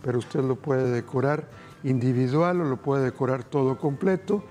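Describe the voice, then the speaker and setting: On a TV studio kitchen set, a middle-aged cooking show host cheerfully guides viewers through a recipe with enthusiasm, speaking to them directly. His voice is warm and medium-pitched at a normal speed, with faint music behind.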